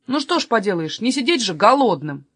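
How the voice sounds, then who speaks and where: A woman's voice: fairly high pitch, sing-song, a little fast, fairly bright tone, husky, no room sound, heavily acted. Woman reads as greedy easygoing robber, mumbling, dry close sound. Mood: sheepish. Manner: mumbling, sheepish.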